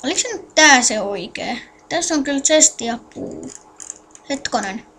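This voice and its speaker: High, expressive and gravelly, this woman's voice sounds pushed and bright. She's making a casual screen-recorded game tutorial, giving viewers instructions while muttering to herself as she clicks around, halting and distracted.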